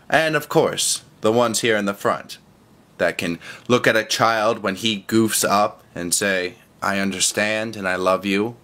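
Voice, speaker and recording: A man's voice: fairly low pitch, sharp tone. A man reading the Lord, earnest and proud. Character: the Lord, proud patient male creator.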